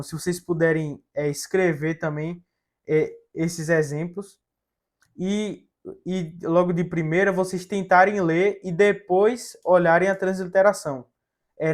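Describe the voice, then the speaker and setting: Male language teacher, fairly high voice, slow and methodical, sounds out syllables. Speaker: Hebrew teacher. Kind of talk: slide-based language lesson.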